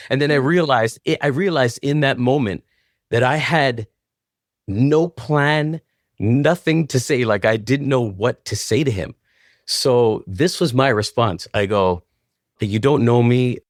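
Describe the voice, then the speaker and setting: A man's voice: mid-range voice, a little slow, no room sound, studio quality. A man, a guest choreographer telling stories casually and acting out what people said. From Toronto, Canada. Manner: animated, acts out quoted dialogue in different voices. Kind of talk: casual storytelling interview.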